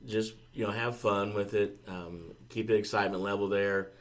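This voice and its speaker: Male co-host, low and flat-toned, easygoing advice giver. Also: moderate pace. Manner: steady, easygoing advice with fillers. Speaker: podcast co-host, marketing staff. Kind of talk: casual business podcast chat.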